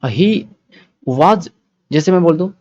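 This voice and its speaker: A man's voice: sits high, slow pace, a little mellow. A man teaching English grammar for exam prep in a mix of Hindi and English. He explains patiently, repeats points and often checks that students follow. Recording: dull, dry, lo-fi sound.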